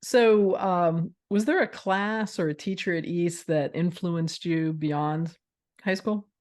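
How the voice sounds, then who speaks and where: A woman's voice: lowish voice, takes it slowly, a little mellow. A woman interviewing a guest in a friendly, conversational way. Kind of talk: casual interview chat.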